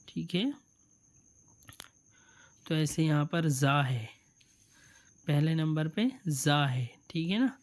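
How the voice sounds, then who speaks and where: Smooth-voiced man teaching letters slowly. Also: a little high, darkish tone. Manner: drawls letters and words slowly, then explains quickly; patient, repeats sounds for the learner. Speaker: Quran reading teacher. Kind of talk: step-by-step reading lesson.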